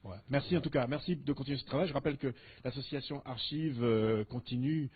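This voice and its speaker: A man hosting a radio interview, relaxed and wry with some hesitation. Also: mid-range voice, fast talker, husky, no echo. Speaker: radio host. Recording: dry narrow phone-like audio.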